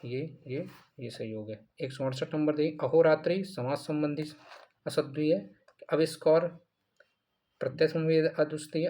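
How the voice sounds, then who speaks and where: A man's voice: fairly high pitch, darkish tone. A male teacher walking through mock exam answers, repeating each answer and asking then answering his own questions. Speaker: Hindi grammar teacher.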